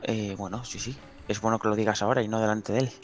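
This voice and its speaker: A man's voice: fairly low pitch, steady tone, fast talker. A man from in casual game role-play, talking in an easygoing, reassuring way. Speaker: player in online role-play.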